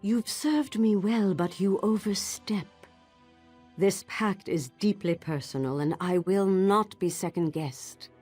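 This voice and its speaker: A woman voicing an imperious old wizard master in a fantasy game, husky, formal and haughty in a measured delivery. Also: medium pitch, a little mellow, faint music behind. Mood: stern, proud. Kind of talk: fantasy game dramatic acting.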